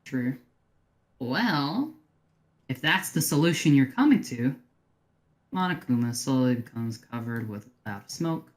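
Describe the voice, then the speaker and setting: Low-voiced woman running a role-play. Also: slow, long pauses. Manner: relaxed, wry, laughs easily. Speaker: game master. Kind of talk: narrating an online role-play.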